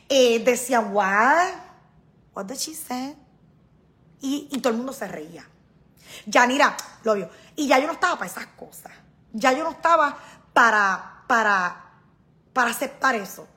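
A woman's voice: fairly high pitch, fairly bright tone. A middle-aged woman, talking casually and emphatically to her viewers, often repeating herself. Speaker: vlogger. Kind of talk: casual live-stream talk to viewers.

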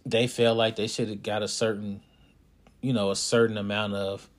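A man who hosts a podcast and coaches youth basketball, telling a story in a casual, animated way and speaking straight to his listeners. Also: on the low side, moderate pace. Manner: animated, talks to listeners directly.

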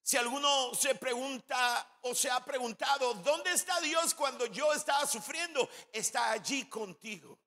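A man preaches a sermon in a church, his voice very high and bright. He talks at a slow, deliberate pace and turns often to address the congregation directly. A long reverb hangs on his words. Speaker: pastor.

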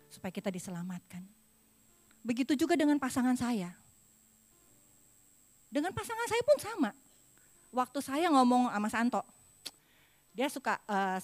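A middle-aged woman preaching a confessional sermon from a church pulpit, moving between loud emphasis and hushed apology. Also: mid-range voice.

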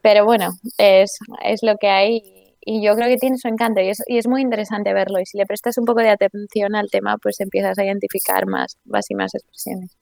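Woman guest, bit of vocal fry, talks on and on w restarts, dry close sound. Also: mid-range voice, fairly quick, a little mellow, dry recording. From Spain. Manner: explains at length with frequent restarts and tag questions. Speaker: interview guest, economist and author. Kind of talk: conversational interview.

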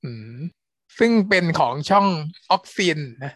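A man co-hosting a podcast, retelling a series plot in a relaxed, meandering way. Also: high-pitched, takes it slowly, no room sound. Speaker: podcast co-host, series reviewer. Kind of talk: casual review chat.

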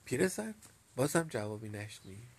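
A man narrating a children's storybook tale in a calm, measured reading. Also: medium pitch, husky.

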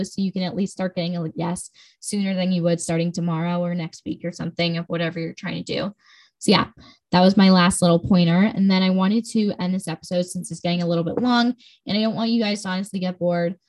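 A woman's voice: lowish voice, a little mellow, low-quality recording. A teenage girl hosting her own podcast, talking in an upbeat, enthusiastic, chatty way with frequent fillers. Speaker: podcast host. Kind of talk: casual solo podcast talk.

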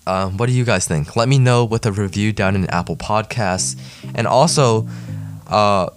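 A man's voice: sits low, dry recording. A young man hosting a solo tech news podcast, reading stories with frequent ums and restarts. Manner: reads news with many fillers and restarts. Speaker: podcast host.

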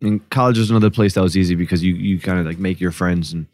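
Low-voiced guy from jersey, chatting on a podcast, reflective, lots of "like", dry close sound. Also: very fast, darkish tone, dry recording. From Newark, New Jersey, US. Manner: reflective, storytelling, many "like" fillers. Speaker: podcast guest. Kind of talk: casual conversation.

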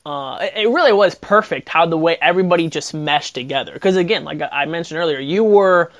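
Upbeat host man, somewhat high voice. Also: a little fast, a bit bright. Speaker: podcast host. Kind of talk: casual interview.

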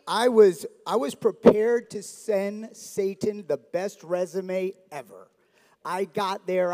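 Earnest man, echoing church hall. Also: high voice. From South Florida. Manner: earnest, warm, with light humor. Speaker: church member giving testimony. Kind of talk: testimony talk in church. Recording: long reverb of a church hall.

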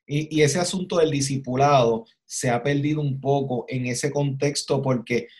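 A man's voice: medium pitch, steady tone, normal speed. A man hosting a conversation on faith, speaking in an emphatic, preaching way with rhetorical questions and repeated phrases. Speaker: host.

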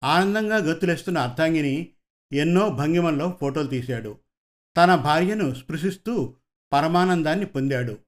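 A man reading a story aloud in a steady, measured way. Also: a little high. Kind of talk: scripted story narration.

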